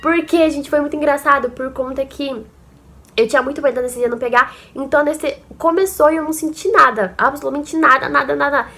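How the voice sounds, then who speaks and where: A woman's voice: sits high, quick pace, creaky, fairly bright tone. A young woman with a Brazilian accent tells a personal story to her viewers in a chatty, emotional way, often calling out to them. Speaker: vlogger. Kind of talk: casual personal storytelling to camera.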